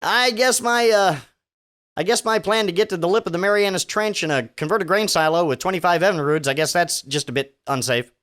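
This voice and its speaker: A man's voice: sits high, brisk, fairly bright tone. A man hosting a podcast, giving sardonic, profane commentary on news items with frequent stumbles and restarts. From Virginia. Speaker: podcast host. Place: home studio.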